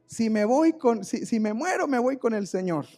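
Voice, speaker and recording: Un hombre haciendo de abuelita devota y decidida. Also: male voice, very high-pitched, animated, normal speed, warm tone, voice pushed up. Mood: resolute. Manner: earnest, raised, pleading delivery. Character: devout elderly grandmother, calm and resolute.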